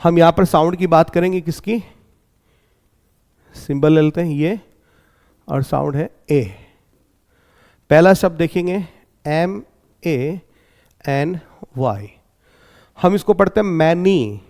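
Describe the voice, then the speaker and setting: An Indian man teaching an exam-prep English lesson, explaining step by step and often asking whether it is clear. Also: on the high side, slow pace, pauses often, a little mellow. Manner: explains step by step, checks in with 'clear?'.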